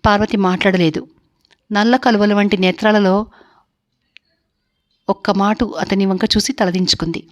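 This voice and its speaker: A woman storyteller reading a classic novel aloud in steady, measured narration. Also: medium pitch.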